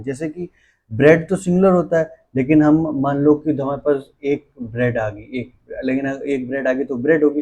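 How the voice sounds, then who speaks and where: A man's voice: medium pitch, warm tone, slightly rough. A man teaching English grammar for exams, spelling words out letter by letter and repeating key terms as he checks in with his students. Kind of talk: classroom-style exam lesson.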